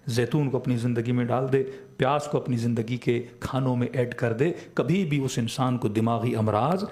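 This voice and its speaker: A man's voice: mid-range voice, darkish tone. Urdu-accented man lecturing with rhetorical questions. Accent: Pakistani Urdu. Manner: asks rhetorical questions and answers them himself. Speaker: Shia cleric. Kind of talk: religious lecture.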